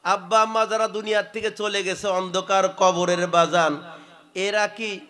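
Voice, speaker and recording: A preacher with a Bangladeshi Bengali accent, singing slow mournful verses and preaching with call-and-response to a gathering. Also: male voice, sits high, level tone, a bit bright. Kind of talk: sung and spoken sermon. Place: outdoor religious gathering.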